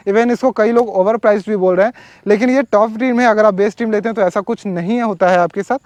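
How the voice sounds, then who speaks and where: Outdoors, a man gives a casual walkaround review of a motorbike, explaining its features with plenty of filler words. His voice is high and fast with a darkish tone, and the dry recording sounds like it came from a wireless or helmet mic.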